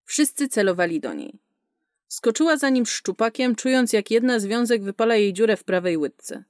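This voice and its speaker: A woman narrating an action-packed science fiction story in a brisk, vivid storytelling manner. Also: fairly high pitch, lively intonation, no echo, clean studio sound. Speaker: audiobook narrator. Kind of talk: scripted narration.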